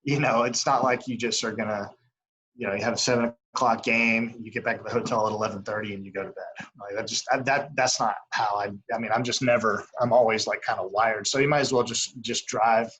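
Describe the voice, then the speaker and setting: A young man in a casual interview as an umpire, talking in a rambling, halting way full of filler phrases. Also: fairly low pitch, fairly even intonation, a bit bright, husky, low-quality recording. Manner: rambling, halting, frequent "you know". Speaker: baseball umpire as interview guest. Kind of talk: casual chat.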